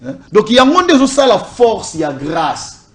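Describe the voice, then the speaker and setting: Speaking at normal speed in a high, fairly bright voice whose pitch swoops wildly, a man from DR Congo's Congo Central talks as a party communication officer. The political interview has him code-switching and stressing points through repeated listing.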